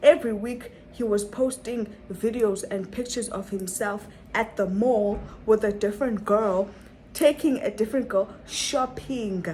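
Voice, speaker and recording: Young woman doing a storytime vlog, dramatic and animated, a bit of faint hiss behind her. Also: mid-range voice, a little slow, low-quality recording. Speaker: vlogger.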